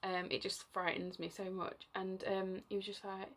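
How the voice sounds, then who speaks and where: A woman's voice: medium pitch, flat delivery, moderate pace, fairly bright tone. A young woman telling a personal story in a rambling, chatty way, full of fillers and at times close to tears. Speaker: vlogger.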